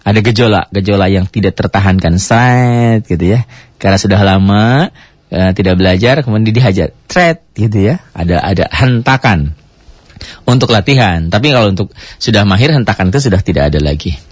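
A man teaches Quran recitation on the radio with a lowish, slightly husky voice. His delivery is animated, full of rhetorical questions and sudden high emphasis. The broadcast sound is dull and dry. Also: a little fast, no room sound. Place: radio studio.

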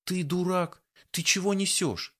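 A man's voice: big pitch swings, unhurried. A male audiobook reader voicing a frightened, indignant young woman who scolds and nearly cries, raising his voice well above his own. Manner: shrill, scolding, near tears. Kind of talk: audiobook character voice.

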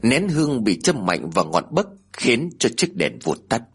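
A man narrating a village ghost story in an expressive, dramatic manner. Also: mid-range voice, normal speed, slightly rough. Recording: soft music underneath.

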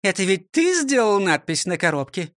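A man voicing a strict old female schoolteacher who scolds in a sharp, commanding tone. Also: high-pitched, sing-song, normal speed, dry recording, studio quality, pitched above the performer's own voice. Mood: stern, scolding.

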